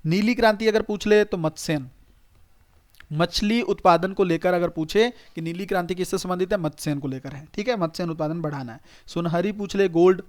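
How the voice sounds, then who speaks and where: Quick-checking high-voiced male teacher. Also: a little mellow. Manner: conversational, repetitive teaching with frequent "okay" checks; addresses students directly, urging them to note things down. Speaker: exam coaching teacher. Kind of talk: recorded online lecture.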